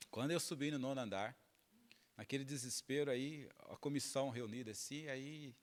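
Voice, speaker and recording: A middle-aged man from Minas Gerais, a pastor telling a personal story during a sermon, acting out the dialogue and laughing along. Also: mid-range voice. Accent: Minas Gerais Portuguese.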